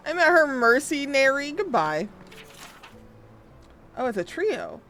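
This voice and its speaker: A woman's voice: high-pitched, sing-song, takes it slowly, a bit bright. A woman livestreaming a game, chatting casually in a bubbly, playful, rambling way. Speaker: game streamer. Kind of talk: casual livestream chat while gaming. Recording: music behind the voice. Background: music.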